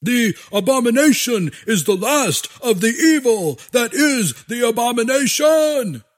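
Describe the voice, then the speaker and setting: A man's voice: extremely high pitch, very animated, measured pace, pitched above the performer's own voice, full character voice. A man voicing fanatical human generals who scream pompous, circular orders. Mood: ranting. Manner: bombastic, shouting.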